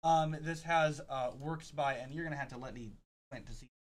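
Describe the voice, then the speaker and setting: A man hosting a casual news rundown, halting often with fillers and restarts. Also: a little high, a little hiss or hum, low-quality recording. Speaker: podcast host.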